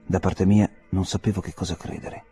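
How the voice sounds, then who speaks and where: A man reading a literary novel aloud as an audiobook narrator, measured, low and earnest, turning dramatic in the dialogue. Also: little pitch movement, mellow, faint music behind.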